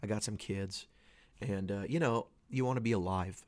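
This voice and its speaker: A man in his thirties hosts a casual solo podcast, rambling earnestly with many restarts while losing his voice. His voice is fairly low and darkish at a moderate pace. He's away from home in a dry small space, and the recording is dry.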